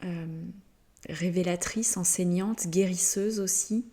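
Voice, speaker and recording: Very slow, hesitant woman channeler. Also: on the low side, fairly even intonation. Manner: hesitant, halting, many fillers and pauses; gentle, searching for words. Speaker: spiritual channeler. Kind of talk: slow channeled spiritual message.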